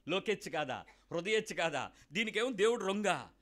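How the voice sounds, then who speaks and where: A man delivers a sermon in a bright voice pitched somewhat high. He keeps asking his listeners pointed questions. Now and then he acts out short exchanges between people. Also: expressive, fairly quick. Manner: asks the congregation many direct questions. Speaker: preacher. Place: church hall with children present.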